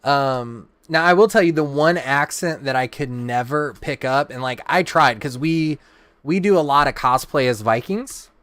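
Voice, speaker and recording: A man's voice: medium pitch, moderate pace, a bit bright, dry recording. A man hosting a live card-opening stream, chatting and teasing his co-host in casual banter.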